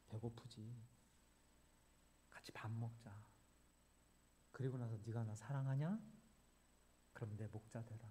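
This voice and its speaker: A man voicing a gentle, loving male teacher who speaks softly and tenderly. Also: on the low side, slight background noise, voice pushed down, lightly acted. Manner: soft, tender and hushed.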